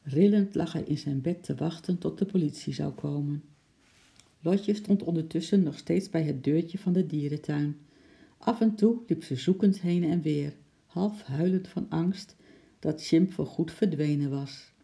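A man reading a children's story aloud, lively and acting out the noises. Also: a little high, unhurried, vocal fry. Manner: lively, acts out sound effects.

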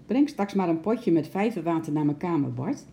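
Woman doing a calm zoo doctor, quiet, measured, low and dark. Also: gravelly, slight background noise. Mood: grave.

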